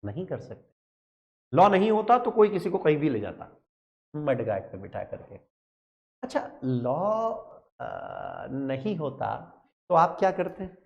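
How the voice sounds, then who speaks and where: Male lecturer, fairly high voice, lively, fires off rhetorical questions. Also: measured pace, creaky, pauses often, lo-fi sound. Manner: lively, rhetorical questions, mixes English terms into his talk. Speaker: law teacher. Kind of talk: classroom lecture.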